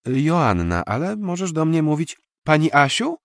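A man's voice: fairly high pitch, very animated, unhurried, a bit bright, no echo, studio quality, pitched above the performer's own voice, heavily acted. A man voicing a timid young woman. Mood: polite. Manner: hesitant, polite.

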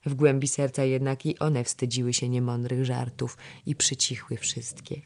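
Audiobook narrator, steady even reading, mid pitch, old-time novel. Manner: measured storytelling. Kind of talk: scripted narration of a historical novel.

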